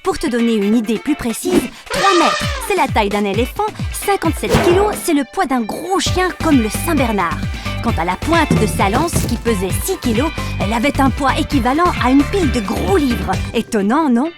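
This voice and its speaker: A woman narrating a children's cartoon, explaining things in a lively tone. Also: sits high, normal speed. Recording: studio voice-over with loud music.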